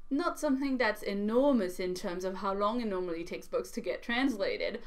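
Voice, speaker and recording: A woman's voice: mid-range voice, animated, normal speed. A young woman from France, a native French speaker, chatting animatedly to camera about books, with frequent ums, in a small living room. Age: young adult. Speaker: book vlogger. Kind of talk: casual chat to camera.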